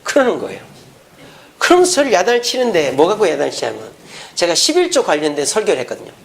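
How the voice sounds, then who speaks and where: A middle-aged man and senior pastor preaching a sermon, animated and putting rhetorical questions to his congregation. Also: high voice, fast talker, gravelly.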